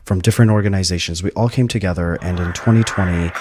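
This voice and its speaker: A man's voice: low-pitched, fast talker, darkish tone, husky. A man in his twenties from Palestine, telling his own story in a thoughtful, earnest way. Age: 20s. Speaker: housing case manager and graduate student. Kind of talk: reflective personal narration.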